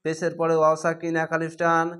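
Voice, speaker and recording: A man teaching Quran reading, with a Bangladeshi Bengali accent, spelling words letter by letter and slowly stretching the recited words. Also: a little high, monotone, fairly bright tone, clean tone.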